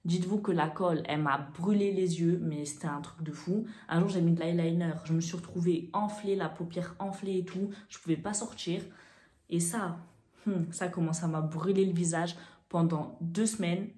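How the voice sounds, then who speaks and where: A young woman telling a story casually to the camera as a beauty vlogger, chatty and animated, with fillers. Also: on the low side, moderate pace, echoey room.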